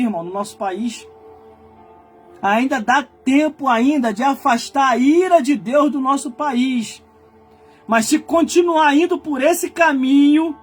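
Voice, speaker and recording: Fiery high-pitched Brazilian preacher. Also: male voice. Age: 40s. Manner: fiery preaching, shouting and exhorting. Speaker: pastor. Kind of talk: sermon.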